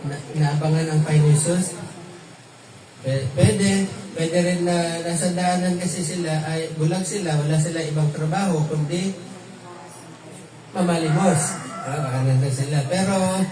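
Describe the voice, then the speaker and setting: A man's voice: on the high side, steady tone, unhurried, pauses often. A man teaching a verse-by-verse Bible study, quizzing his listeners with light laughs and mixing in English phrases. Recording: echoey room, mic far off, noisy.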